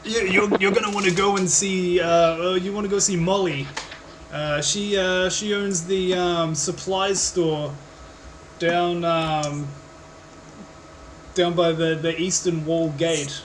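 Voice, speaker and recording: A man doing a chatty, friendly tavern keeper who rambles and hesitates while he thinks, in an odd made-up accent that keeps shifting. The voice sits a little high and lively, with clear background noise behind it. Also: slow. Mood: helpful. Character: rambling male barkeep, friendly. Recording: noisy background.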